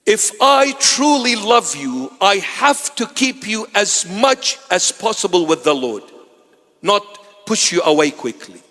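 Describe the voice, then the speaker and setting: A bishop, his voice sitting unusually high for a man, delivers a dramatic sermon. He lurches between loud exclamations and low, hushed asides with dry wit, and a long church reverb trails every phrase. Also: big pitch swings, slow pace. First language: Assyrian.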